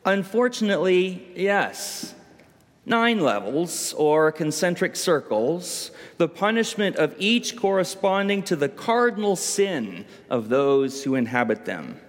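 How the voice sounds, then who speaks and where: A man preaching voices a hooded male stranger who calmly explains the underworld, with a long hall reverb. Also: high-pitched, slow pace, voice pushed up, full character voice. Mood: explaining. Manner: calm, explanatory. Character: hooded male stranger guiding through hell.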